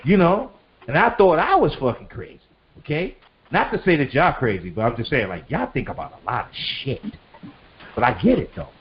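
A middle-aged man co-hosting a podcast in casual chat, animated, swearing freely and laughing often. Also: mid-range voice, brisk. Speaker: podcast co-host. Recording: dull lo-fi sound.

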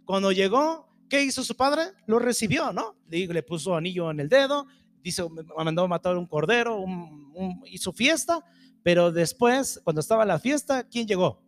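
Emphatic high-voiced preacher. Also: male voice, lively intonation, moderate pace. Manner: emphatic, rhetorical questions, call-and-response. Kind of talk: sermon.

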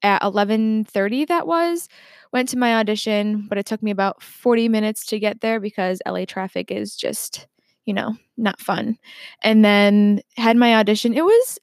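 A woman's voice: fairly high pitch, no room sound. Chatty young woman, dry close sound. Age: 20s. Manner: chatty and reflective, with many restarts and fillers. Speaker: podcast host. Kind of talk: casual solo podcast intro. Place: home desk.

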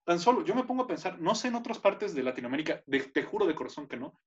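Animated Mexican man joking on a podcast. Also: a little high, fast, lo-fi sound. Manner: animated, joking, rants with mock outrage. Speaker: podcast co-host. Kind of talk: casual chat.

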